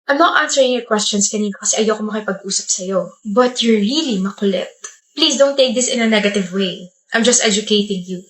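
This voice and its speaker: A woman's voice: mid-range voice, brisk, natural voice. A woman playing a proud young student who coolly and bluntly lectures a classmate. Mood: lecturing. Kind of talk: comedy skit acting.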